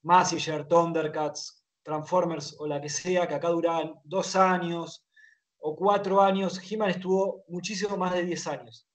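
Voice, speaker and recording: A man in his thirties with an Argentine accent, speaking over a headset on a video call. His voice sits a little high for a man. He explains at length and checks in with his listener as he goes. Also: fairly even intonation, a little slow. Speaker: guest author. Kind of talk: casual video-call interview. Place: home room with toy shelves.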